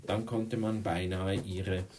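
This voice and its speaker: A man narrating an audiobook in a measured, steady way. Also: low-pitched, noisy background. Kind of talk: audiobook reading.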